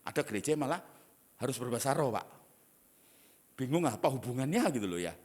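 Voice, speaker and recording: A middle-aged man, preaching a sermon as pastor in a lively, teasing manner with asides. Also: mid-range voice, fast talker, slightly rough.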